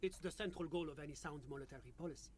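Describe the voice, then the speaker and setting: An actor playing a prim, unflappable male financial official with a French accent and a measured, bureaucratic delivery. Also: on the high side, slight background noise, lightly acted. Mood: composed.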